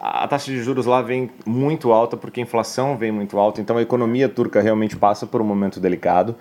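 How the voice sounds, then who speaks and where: Male market analyst, low and mellow, explanatory delivery with many tag fillers. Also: steady tone, fast talker. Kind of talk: financial news commentary.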